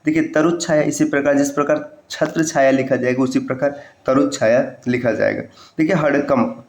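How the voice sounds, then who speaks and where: A male teacher walks through correct spellings one word at a time, repeating each form patiently. His voice sits at an ordinary middle pitch. The room around him rings with a noticeable echo. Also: a little mellow. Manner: addresses students directly to remember points. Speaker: Hindi teacher. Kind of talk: exam-prep spelling lesson.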